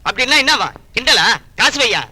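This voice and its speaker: An actor playing a pushy street fruit seller who hawks loudly and scolds a customer over money. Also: male voice, extremely high pitch, lively intonation, a little hiss or hum, heavily acted. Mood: angry. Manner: loud, rapid hawking and scolding.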